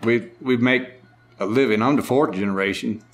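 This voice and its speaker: A middle-aged farmer and market owner from Maryland's lower Eastern Shore talks casually in an interview, with a strong local accent. His mid-range voice has a drawn-out, unhurried way of speaking.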